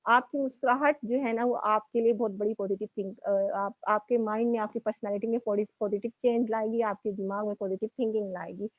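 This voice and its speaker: A woman's voice: mid-range voice, fairly even intonation, hardly any pauses, dry recording, narrow, tinny audio. A woman motivational speaker lecturing young women in a conversational way, often checking in with "okay" and mixing in English words. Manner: conversational, repeats "ٹھیک ہے" and mixes in English words.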